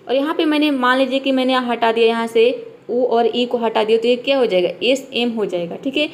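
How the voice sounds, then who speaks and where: A woman's voice: fairly high pitch, darkish tone, a little hiss or hum. A young woman teaching English in Hindi with a Hindi accent. She explains patiently, often checks in and answers her own questions. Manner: patient, repeats "ठीक है" and asks herself questions. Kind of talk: classroom-style explanation.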